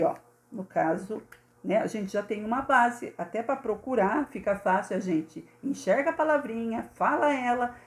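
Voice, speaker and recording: Brazilian woman, primary teacher, fairly high voice, patient and sing-song, echoey room. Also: darkish tone. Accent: Brazilian Portuguese. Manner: patient, sing-song, speaks of herself as "a Pro", sounds out syllables slowly. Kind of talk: recorded lesson for young pupils.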